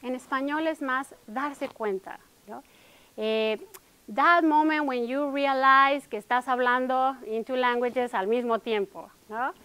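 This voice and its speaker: Her voice sits high and sounds steady, sharp and clean as she speaks slowly. She's a middle-aged Mexican woman with a Mexican Spanish accent leading an academic workshop, mixing Spanish with English and tacking questions onto many sentences.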